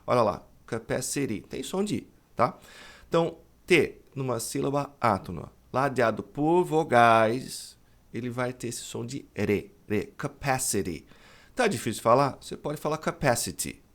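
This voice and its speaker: A man's voice: medium pitch, creaky, a bit bright. Brazilian male English teacher, mid-range voice, patient explainer for an online lesson who keeps checking that the viewer follows. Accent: Brazilian Portuguese. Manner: explanatory, often checks understanding with a quick "right?".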